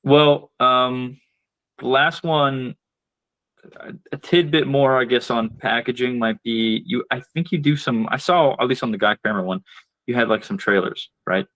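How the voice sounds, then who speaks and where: This podcast guest, a marketing strategist, talks through his ideas step by step in an easy advice-giving conversation full of fillers and tangents. He speaks unhurriedly at medium pitch with a slightly bright tone. There's no room sound, though the recording is rough.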